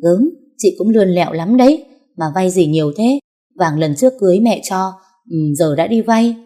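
A woman's voice: medium pitch, expressive, normal speed, dark tone, lightly acted. A woman voicing a spoiled, scheming young wife who gossips and complains in a giggly way. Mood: gossipy.

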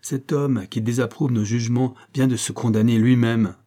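A cold, ruthless gang leader speaks in a sharp, commanding way, read by a man for an audiobook. The voice is dark and husky. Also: mid-range voice, steady tone, normal speed, natural voice. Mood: menacing. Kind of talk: audiobook reading.

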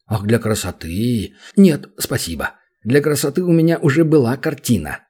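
A man's voice: mid-range voice, very animated, normal speed, mellow, husky. A man voicing a sly, mocking male demon hero who drawls dry, teasing remarks, in an audiobook.

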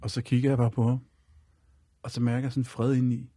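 This man speaks at a medium pitch with a flat delivery and a dark tone, and there's no echo. Appearing as a radio guest, he recounts a personal story in a rambling, repetitive way, relying on fillers.

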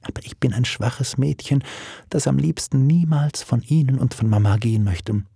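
A man with a husky voice lifts into a trembling, high, hushed young girl, pleading and sometimes whispering. She sounds fragile and shy, in a dry, close storybook reading. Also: normal speed, no room sound, full character voice. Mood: tender. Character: shy, tender eighteen-year-old girl at her first ball.

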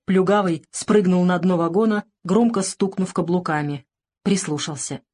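A woman narrating an audiobook in a measured, even storytelling manner. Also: on the low side. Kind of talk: audiobook reading of a crime novel.

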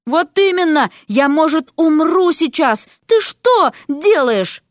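A woman voicing a stubborn, sharp-tongued female frog who teases and demands answers. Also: high-pitched, lively intonation, takes it slowly, no room sound, clean studio sound, voice pushed up. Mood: teasing. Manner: teasing, demanding.

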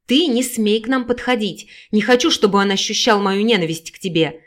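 A woman voicing a cruel, bitter middle-aged mother who shouts with scorn and hatred in an audiobook. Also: mid-range voice, lively intonation, fairly quick, lightly acted. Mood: cold contempt.

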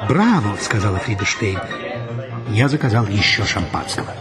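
A man's voice: medium pitch, a little fast. A man reading a story aloud in a dry, ironic storyteller's manner. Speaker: narrator. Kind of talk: audiobook reading. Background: music.

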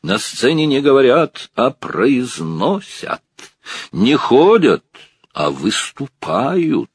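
A man voicing a fussy, pompous stage director who lectures loudly. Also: wildly swooping pitch, measured pace, slightly rough, dry recording, clean studio sound, exaggerated voice. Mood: lecturing. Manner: shrill, lecturing, theatrical.

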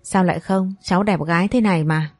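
A woman's voice: on the low side, fairly quick, darkish tone, no room sound, clean studio sound, soft background music, natural voice. A woman voicing a kindly, fussing older woman in a family story. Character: kindly old grandmotherly woman.

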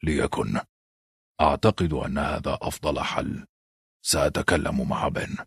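Man doing a weary lord, very deep, slow heavy delivery, husky, dry audiobook sound. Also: no echo, full character voice. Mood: resigned. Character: grave northern lord, weary and troubled.

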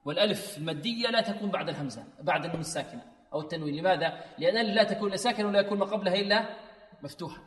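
Male tajweed teacher, higher voice, question-and-answer teaching, reverberant sound. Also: a bit bright, far from the mic. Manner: asks rhetorical questions, then slowly chants the verse. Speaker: Quran recitation teacher. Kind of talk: tajweed lesson with rhetorical questions.

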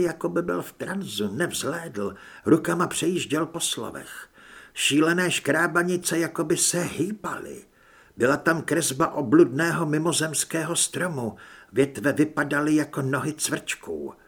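A man narrating an audiobook in a measured, even storytelling manner. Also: on the high side, gravelly, husky. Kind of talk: scripted narration.

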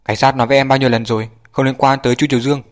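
A man's voice: mid-range voice, fairly even intonation, racing, close to an everyday voice. Man playing a stern middle-aged father, firm scolding tone, storybook dad.

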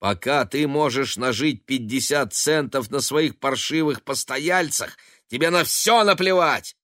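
A man voicing a scornful young man who mocks and shouts at his mother with contempt. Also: lowish voice, takes it slowly, no room sound, studio quality. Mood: sneering. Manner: mocking and contemptuous, often shouting.

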